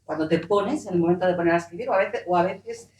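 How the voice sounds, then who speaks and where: A woman's voice: on the low side, a little mellow, a little hiss or hum. Tentative woman in an echoey room. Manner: tentative, halting questioning. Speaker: audience member asking a question.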